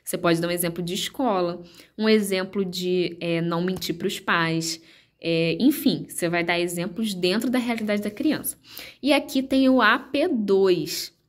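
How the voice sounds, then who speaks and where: A woman's voice: fairly low pitch, unhurried. A woman explaining step by step how to lead children's ministry, talking directly to viewers in a patient, encouraging way with many fillers. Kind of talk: instructional video talk.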